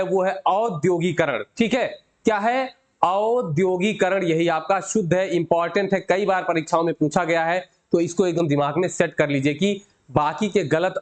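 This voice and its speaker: A young man teaching a live exam-prep lesson. He addresses viewers as friends, asks his own questions and answers them, and slows down to stretch out the key words. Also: high voice.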